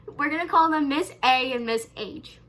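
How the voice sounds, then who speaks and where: A young woman chats straight to her camera in a rambling, unpolished way. She fills gaps with "um" and "basically" and keeps correcting herself, with her loudness and pace rising and falling. Her voice sits high and sounds bright. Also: moderate pace. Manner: wide swings in loudness and pace. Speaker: YouTube vlogger. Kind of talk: casual camera vlog storytelling.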